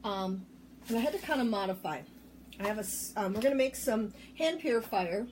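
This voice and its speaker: A woman's voice: mid-range voice, expressive, brisk, a little mellow, a little hiss or hum. Chatty woman demonstrating a recipe. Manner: chatty, explains as she goes, with frequent ums. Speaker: co-host of a demo show. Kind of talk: casual chat while demonstrating recipes.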